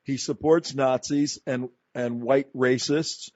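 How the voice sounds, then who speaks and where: An emphatic man hosts a talk radio show, pressing his argument in long, run-on sentences. His voice sits at an ordinary pitch. The studio sound is dry and a bit dull. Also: fairly even intonation, slow pace, darkish tone, no room sound.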